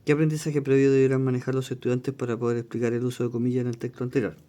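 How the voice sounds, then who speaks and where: A man runs an exam-prep lesson, reading each question aloud and then explaining it. His voice is mellow and warm, at a middling pitch, and he keeps checking in with his listeners as he goes. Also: monotone, very fast. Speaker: teacher.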